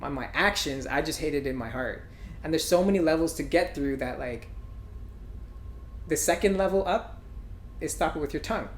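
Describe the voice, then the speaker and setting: A man hosting a podcast, talking through his thoughts in a reflective, halting way with lots of fillers. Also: a little high, slight background noise. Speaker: podcast host and musician. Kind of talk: casual conversation. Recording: roomy echo.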